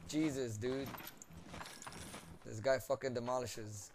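A young man gives loose let's play commentary, easily excited, swearing and laughing as he plays. He talks at an unhurried, drawn-out pace over game sound, with clear noise in the home recording. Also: mid-range voice. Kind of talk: casual gameplay commentary.

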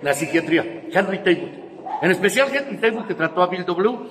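A Mexican man with a high-pitched voice lectures a recovery group in blunt, profane terms and scolds his listeners, often rising into loud emphasis. His voice rings out with a long reverb, as in a large hall. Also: animated, brisk, background noise. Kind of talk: preachy motivational talk to a recovery group.

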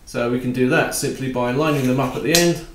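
A man giving a calm, practical woodworking tutorial while he works at a bench in his home workshop. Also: medium pitch, a little fast, echoey room, noisy background. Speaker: woodworking instructor.

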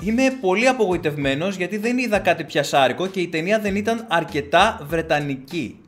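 A man in his thirties, a movie-reviewing YouTuber, reading out viewer comments and answering them sarcastically. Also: high voice. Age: 30s. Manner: sarcastic, animated, switches voices.

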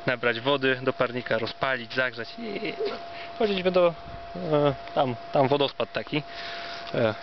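A Polish man with a medium-pitched voice narrates a casual walk down memory lane. He speaks with wry mock formality, like a tour host. The recording is outdoors, lo-fi and dull, with clear ambient noise around him. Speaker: vlogger giving an on-site tour. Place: outdoors at a former campsite.

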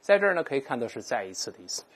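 Husky, lively teacher. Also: medium pitch. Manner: explains patiently, repeats English words aloud slowly for learners. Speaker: English teacher. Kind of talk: recorded vocabulary lesson.

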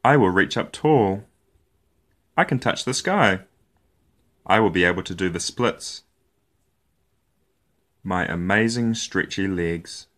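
Reading aloud from a picture book for little kids, this man's voice sits low, and he tells the story expressively with phrasing that is deliberate and playful.

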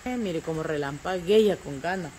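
A woman's voice: low-pitched, moderate pace, darkish tone, slight background noise. An older woman, chatting homely and rambling to her viewers from her rural yard, calling them fond pet names and searching aloud for words. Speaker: vlogger. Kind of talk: casual chat to camera. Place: rural yard and garden outdoors.

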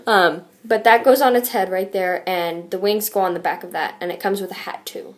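Recorded on a tablet's built-in microphone in a small, echoey bathroom, this young woman brisk and fairly even in intonation at medium pitch, hosts a casual, jokey unboxing with playful, mock-dramatic flair.

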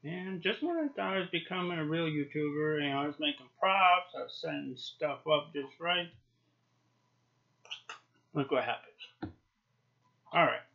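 Talking with a lip full of dip, this YouTube product reviewer, a man in his forties, chats casually to camera in a small home office. His voice is a little high, animated, gravelly and a little slow, with frequent pauses. Dull, lo-fi webcam audio.

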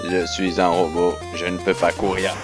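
A man putting on a slow, stiff, monotone robot voice while commenting on a video game. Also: low voice, over music, close to an everyday voice. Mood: deadpan. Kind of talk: let's play commentary.

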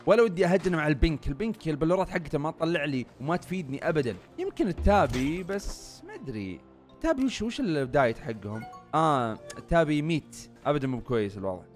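A young man giving excited, chatty gameplay commentary straight to his viewers. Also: a little high, quick pace, faint music behind. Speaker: gaming YouTuber.

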